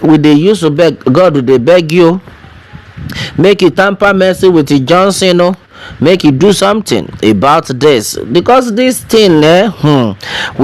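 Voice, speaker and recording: Nigerian Pidgin-speaking man, higher-pitched voice. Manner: emphatic, pleading, rhetorical questions. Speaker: online news commentator. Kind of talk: informal spoken commentary, direct appeal.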